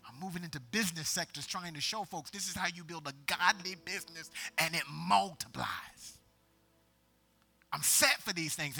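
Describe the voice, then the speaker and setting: A middle-aged man preaches in a high, piercing voice. He keeps calling on the congregation to answer him and climbs to forceful, emphatic peaks. Faint music plays underneath. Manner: rising to emphatic, shouted peaks. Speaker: pastor. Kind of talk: call-and-response sermon.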